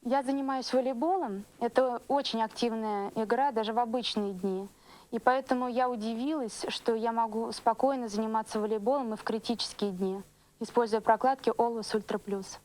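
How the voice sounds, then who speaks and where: A woman's voice: a little high, steady tone, moderate pace, darkish tone, close to an everyday voice, rough recording. A woman playing a sporty, satisfied customer in a scripted commercial testimonial. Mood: pleased. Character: satisfied female customer, sporty volleyball player.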